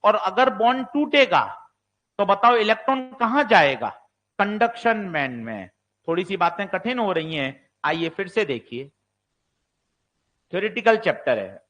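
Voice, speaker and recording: High-voiced male teacher lecturing students. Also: lively intonation, unhurried, a bit bright. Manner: asks students questions and answers them himself; plays the student voicing doubts. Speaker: physics teacher. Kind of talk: exam-prep lecture.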